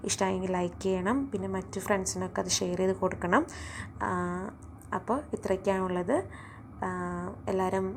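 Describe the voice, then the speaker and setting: A woman's voice: mid-range voice, fairly even intonation, a little fast, darkish tone, a little hiss or hum. A woman teaching online. She spells words letter by letter and uses many fillers. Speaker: English teacher. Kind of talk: online lecture, casual sign-off.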